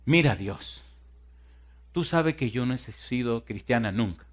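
A man's voice: medium pitch, expressive, measured pace. A man voicing a terrified woman survivor who pleads desperately, acted within a sermon. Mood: pleading.

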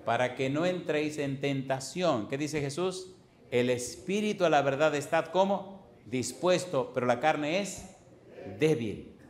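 A man's voice: on the high side, lively intonation, unhurried. Emphatic older male preacher, echoey hall. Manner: emphatic, repetitive, rhetorical questions to the congregation. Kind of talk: sermon.

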